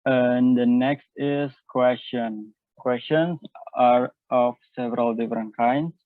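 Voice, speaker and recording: A man's voice: medium pitch, steady tone, dry recording. Hesitant young Indonesian man, tinny audio. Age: young adult. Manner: halting, many filler sounds, switches between two languages. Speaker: student presenter. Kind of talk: class presentation, reading notes and explaining. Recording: tinny dry phone-like call audio.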